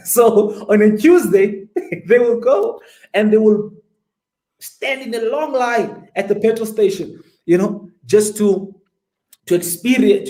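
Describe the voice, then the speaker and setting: A man's voice: high voice, warm tone. Emphatic young man, echoey. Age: 20s. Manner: emphatic, asks listeners rhetorical questions. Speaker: guest entrepreneur. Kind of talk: motivational interview storytelling.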